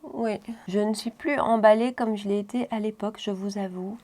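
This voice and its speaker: A woman's voice: medium pitch, steady tone, moderate pace, a little mellow. A woman chatting casually through a makeup tutorial, rambling and often correcting herself mid-sentence. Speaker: beauty vlogger.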